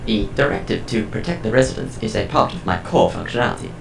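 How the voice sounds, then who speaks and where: A man plays a calm, curious artificial intelligence in a deep, heavily creaking voice, heavily acted and quick-paced. Its formal, precise sentences carry a detached mood, though the pitch moves expressively. The voice echoes over prominent music, like a science fiction audio drama.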